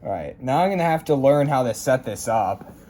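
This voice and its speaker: Warm and expressive, a man's medium-pitched voice moves fairly quickly as he hosts a radio unboxing video. He narrates in a casual, showy hobbyist style, announcing each step presenter-fashion, over the hiss of a noisy room.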